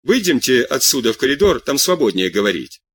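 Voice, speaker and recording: A man voicing an eager, excitable young man who tells his news breathlessly and humbly. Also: mid-range voice, brisk, husky, no echo.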